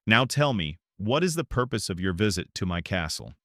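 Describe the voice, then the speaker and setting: A man's voice: on the low side, sing-song, moderate pace, pushed and bright, no echo, clean studio sound, full character voice. A man voicing a cold, commanding young nobleman who speaks curtly. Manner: curt and cold.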